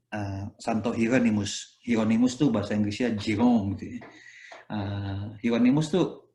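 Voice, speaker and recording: A man's voice: on the low side, a little mellow. A man with an Indonesian accent, a priest giving a conversational sermon, often ending phrases with "gitu ya" and slipping English phrases in. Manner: conversational, peppered with "gitu ya" tags; mixes English phrases into his speech. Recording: echoey room.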